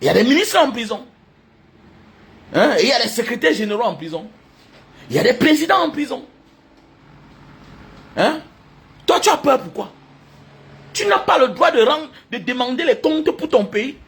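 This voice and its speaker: A man's voice: very high-pitched, big pitch swings, normal speed, pauses often, a bit bright. A man delivering an impassioned, hectoring monologue, repeating points emphatically and breaking into laughter. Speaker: commentator addressing online critics.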